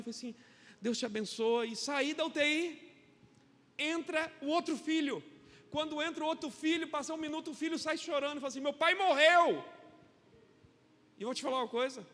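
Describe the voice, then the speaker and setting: Brazilian male pastor, high-pitched preacher, animated storytelling sermon, long church reverb. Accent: Brazilian Portuguese. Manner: storytelling with quoted dialogue, swings between loud and quiet. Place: church hall.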